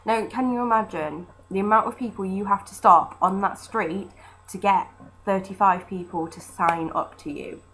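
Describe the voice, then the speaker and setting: A woman's voice: mid-range voice, normal speed, a bit bright, poor audio. A British woman talking informally about her own experiences in a chatty, conversational way, thinking aloud as she goes. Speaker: former street fundraiser. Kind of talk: casual informal monologue about personal work experience. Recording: noticeable background noise.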